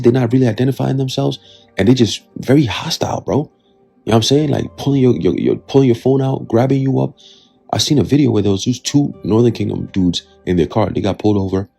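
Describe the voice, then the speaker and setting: A man's voice: fairly low pitch, gravelly, a little mellow, slightly rough. A man hosting his own channel, giving blunt, profane commentary on current events, often checking in with "okay?" or "right?" and reading from a news article aloud. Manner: reads from a news article aloud between remarks. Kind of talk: casual political commentary.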